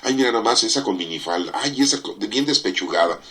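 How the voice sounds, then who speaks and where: A man's voice: fairly low pitch, expressive, fast, fairly bright tone. A man voicing a nosy churchgoer who mutters catty, scornful remarks about others at mass.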